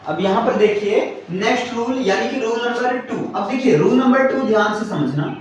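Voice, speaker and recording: A man's voice: extremely high pitch, moderate pace, slight background noise. A male teacher giving a classroom grammar lesson, repeating his points, spelling words out letter by letter and often checking that students understand. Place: classroom with students answering together. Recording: very echoey classroom from far off.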